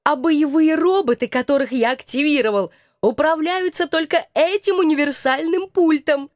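Huffy nervous scientist guy, boastful, shaky voice, read by a lady in a high dry voice. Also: normal speed, no room sound, lightly acted. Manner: shaky, huffy, self-important. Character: jittery runaway male scientist, touchy and boastful. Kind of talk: audiobook character reading.

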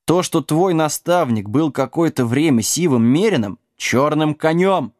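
A man's voice: mid-range voice, lively intonation, normal speed, no room sound, studio quality, natural voice. A man voicing a bossy, sarcastic middle-aged male sorcerer in an audiobook. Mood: stern. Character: gruff, mocking male sorcerer of middle age. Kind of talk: audiobook character voice.

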